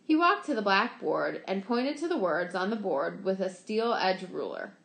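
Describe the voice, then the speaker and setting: Expressive woman reading a story aloud. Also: medium pitch, normal speed, gravelly. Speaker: story reader. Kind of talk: scripted narration of a short story. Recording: roomy echo.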